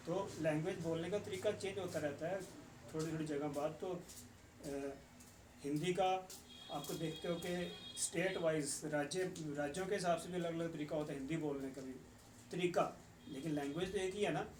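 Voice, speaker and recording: Patient teacher in an echoey room. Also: male voice, a little high, fairly even intonation, noisy background. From Punjab. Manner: patient, slow explaining, switching into English phrases. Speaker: English teacher. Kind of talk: explanatory lesson. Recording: echoey, distant room mic with faint ambience.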